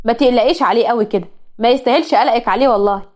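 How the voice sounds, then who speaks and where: A woman's voice: a little high, very fast, a little mellow, lightly acted. A woman with an Egyptian accent voicing a protective young brother who speaks bluntly and indignantly. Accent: Egyptian Arabic. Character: protective older brother, angry young man.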